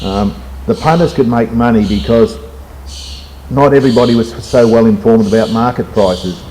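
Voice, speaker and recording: A man's voice: medium pitch, moderate pace, dark tone, low-quality recording. An older man with a rural Australian accent, reminiscing conversationally in a plain-spoken, laconic country drawl. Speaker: livestock carrier reminiscing. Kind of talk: conversational oral history. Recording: faint background noise and ambience.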